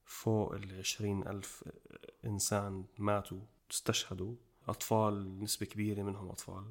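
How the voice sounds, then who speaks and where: A man with a Jordanian accent hosting a casual podcast chat. He talks in quick, emphatic bursts and gets loud when he makes a point. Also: fairly low pitch, level tone. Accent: Jordanian Arabic. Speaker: podcast host.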